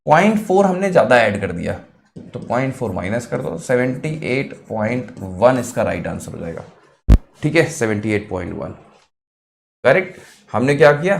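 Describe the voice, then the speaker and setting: A man teaching a live online exam-prep math class, encouraging, repeating each answer, and mixing quick calculation with motivational asides. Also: medium pitch, vocal fry, a little hiss or hum. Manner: encouraging, repeats answers, addresses students as kids.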